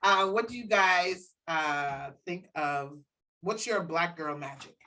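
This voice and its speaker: A woman in her forties hosting a casual interview, laughing often and giving quick encouraging replies. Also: lowish voice, bright, forceful tone, slight background noise, rough recording. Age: 40s. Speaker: host.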